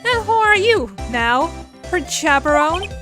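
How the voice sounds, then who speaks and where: A brash young Southern country woman played by a woman reading a game aloud, high-voiced and hot-tempered. She scolds in a folksy, unhurried drawl over clearly audible music. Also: sing-song, heavily acted. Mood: scolding, indignant. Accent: put-on US Southern.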